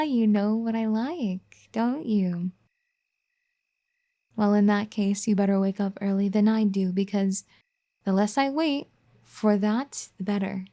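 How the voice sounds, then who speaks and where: A woman voices a caring, firm young wife in an ASMR roleplay, soft-spoken and gently scolding at a medium pitch. The mood is teasing and tender.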